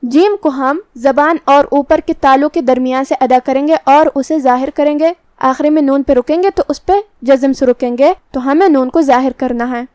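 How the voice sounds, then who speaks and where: High-voiced woman teaching methodically. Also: dry recording. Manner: calm, methodical, explains each letter slowly. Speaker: Quran recitation teacher. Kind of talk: step-by-step tajweed lesson.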